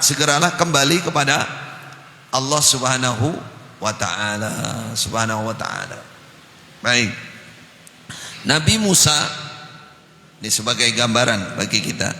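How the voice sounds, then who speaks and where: A man's voice: mid-range voice, sharp tone, a little hiss or hum. A man preaching a sermon in a mosque, earnest, with rising emphatic phrases. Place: mosque hall. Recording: echoey mosque hall.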